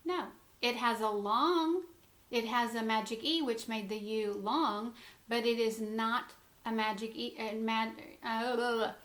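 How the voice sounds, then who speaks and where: A woman's voice: fairly high pitch, unhurried, reverberant. A middle-aged woman teaching a phonics lesson to young children from home, patiently sounding out letters and syllables.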